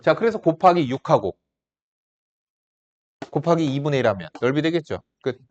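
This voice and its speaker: Brief: male math teacher in his 30s, casual and teasing with his class, pitch jumps around a lot. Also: lively intonation, normal speed, darkish tone, lo-fi sound. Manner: casual, teasing, talks down to students like a big brother. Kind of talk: classroom lecture with side stories.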